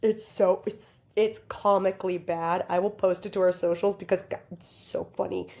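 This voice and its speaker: Woman podcast co-host, mellow tone, giggly casual storyteller. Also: medium pitch, moderate pace. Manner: giggly, animated, talks straight to listeners.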